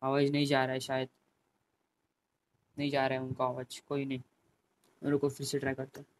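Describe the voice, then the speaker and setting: A man's voice: medium pitch, completely flat delivery, a little fast. A young man, chatting casually with viewers by name on his live game stream and pleading with them at times. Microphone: headphone mic.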